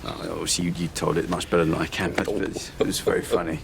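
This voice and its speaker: A man's voice: low voice, flat delivery, fast talker, gravelly, background noise. An actor playing a nervous comedian held hostage, stammering and placating, tripping over his words. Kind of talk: television sitcom acting.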